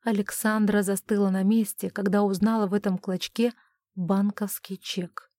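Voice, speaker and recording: A woman reading a romance novel aloud as an audiobook narrator, measured and even. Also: mid-range voice, no echo, studio quality.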